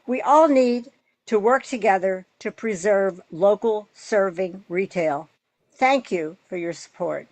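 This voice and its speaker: Female resident, medium pitch, earnest prepared public comment, very dry recording. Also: measured pace, no echo. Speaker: resident speaking at council.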